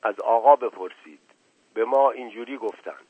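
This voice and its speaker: A man's voice: medium pitch, husky, dry recording, lightly acted. A man voicing a stubborn, dutiful male servant who answers in a dry, curt, evasive way. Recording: narrow phone-like sound.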